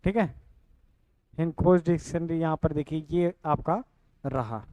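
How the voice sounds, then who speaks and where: A man's voice: a little high, a little slow, darkish tone, no echo, rough recording. A young man, explaining a course lesson casually and checking in often with "theek hai". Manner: repeats "ठीक है" and addresses students directly. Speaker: online coaching teacher.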